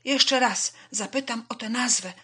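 A woman voicing a small female swallow who chirps in a high, breathless, eager way. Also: expressive, unhurried, sharp tone, slightly rough, exaggerated voice. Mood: chirpy.

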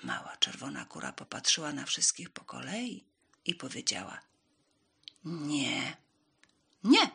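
A woman reading a fairy tale aloud for children in an animated, expressive storytelling manner. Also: a bass voice, normal speed, vocal fry, breathy edge.

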